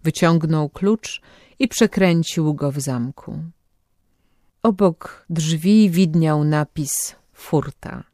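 A man narrating an audiobook in a measured, even storytelling manner. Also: on the high side, dry recording, studio quality.

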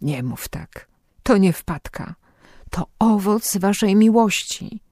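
A man reading aloud and voicing a patient, gentle priest who speaks softly and calmly to a penitent. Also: high-pitched, slow, no room sound, clean studio sound, voice pushed up, exaggerated voice. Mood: gentle, fatherly. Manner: calm, soft, fatherly. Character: patient, gentle old Franciscan priest hearing confession.

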